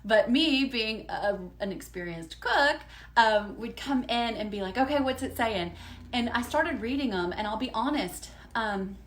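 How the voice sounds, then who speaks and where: A woman's voice: a little high, a bit bright, a little hiss or hum. A woman, chatting upbeat and folksy with viewers during a live unboxing at home. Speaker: lifestyle vlogger.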